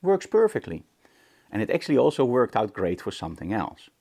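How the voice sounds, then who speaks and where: A gravelly, darkish, fairly low voice with a sing-song quality moves quickly as this Dutch photography instructor from the Netherlands hosts his informal tutorial. Addressing the camera, he talks conversationally and emphatically, throwing in rhetorical questions.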